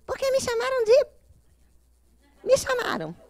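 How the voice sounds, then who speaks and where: A woman's voice: very high voice, wildly swooping pitch, normal speed, pitched above the performer's own voice, heavily acted. A woman lecturer acting out an angry, insecure young woman who huffs and protests in short bursts. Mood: indignant.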